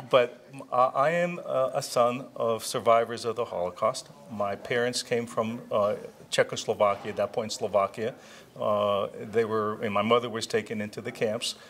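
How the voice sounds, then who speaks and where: A man in his sixties, born in Israel and raised in New Jersey, answering interview questions in an unhurried way with many pauses and restarts. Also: medium pitch, steady tone, fairly bright tone. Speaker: interviewee, retired chiropractor.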